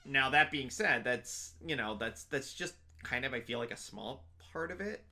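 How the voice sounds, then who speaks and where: Speaking at a normal pace, a young interview guest who sits on convention panels chats casually, rambling and restarting with lots of fillers. His medium-pitched voice is expressive, with a pushed, bright quality.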